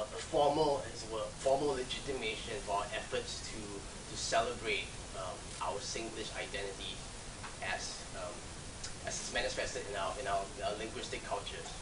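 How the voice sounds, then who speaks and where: A man with a Singaporean accent giving an academic lecture in a halting way, restarting phrases and often checking in with the audience. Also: on the low side, background noise. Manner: halting, with repeated starts and frequent check-in "right?".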